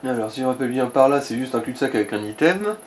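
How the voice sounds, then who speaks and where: A man with a mid-range voice talks very fast and animatedly, giving a player blunt, casual advice and commentary peppered with crude slang. It's let's-play talk, with light background noise.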